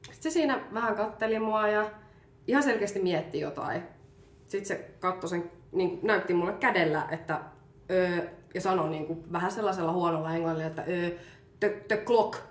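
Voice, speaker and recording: A woman in her thirties chatting casually, telling an anecdote and laughing through it. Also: fairly low pitch. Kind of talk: casual chat. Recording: echoey room.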